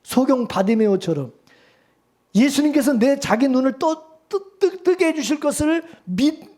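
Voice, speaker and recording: A man's voice: very high voice, a little slow. Emphatic male pastor preaching a sermon. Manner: emphatic, fires rhetorical questions at the congregation; swings from loud urging to hushed calm.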